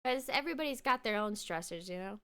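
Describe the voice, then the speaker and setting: A woman's voice: mid-range voice, animated, fast talker, fairly bright tone, clean tone. A young adult woman streamer in casual live-stream chat, talking by turns to her dog and to her viewers.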